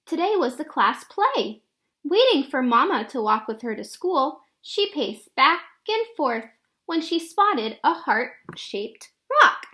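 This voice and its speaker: This is a slow, expressive read-aloud of a children's story by a woman whose high voice moves through a broad, lively range of pitch.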